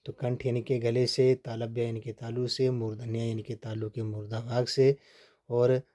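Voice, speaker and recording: A man teaching a Hindi grammar lesson for exam preparation, steady and repetitive, often checking in with "ठीक है". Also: medium pitch, normal speed. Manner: steady, repeats points with frequent "ठीक है" checks.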